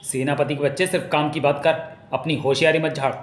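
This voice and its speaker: A man's voice: a little high, steady tone, a little fast, close to an everyday voice. Bankelal, a man doing a cheeky schemer. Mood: scheming. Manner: cheeky, mocking. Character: cunning male royal schemer, rude and sharp-tongued. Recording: echoey room.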